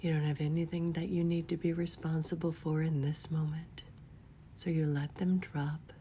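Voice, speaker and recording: Female meditation guide, soft spa-style whisper, mellow and flat in pitch, gentle and unhurried. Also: slight background noise. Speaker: guided relaxation leader.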